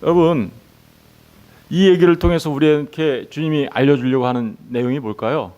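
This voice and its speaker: A man's voice: a little high, normal speed, a little mellow, clean tone. A male pastor preaching a sermon who keeps asking his congregation rhetorical questions. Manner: acts out the workers' lines in quoted voices.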